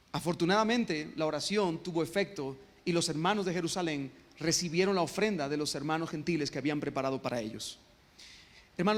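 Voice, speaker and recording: A man's voice: fairly high pitch, long reverb tail. A male pastor preaching a sermon, often stopping to ask his congregation questions. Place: church sanctuary.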